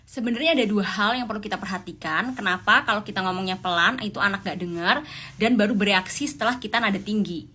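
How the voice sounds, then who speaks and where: Woman, calm advice-giver on parenting, bright tone, steady teaching delivery. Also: medium pitch, fast. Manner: calm, acts out raised-voice examples. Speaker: parenting educator. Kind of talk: explanatory parenting advice talk.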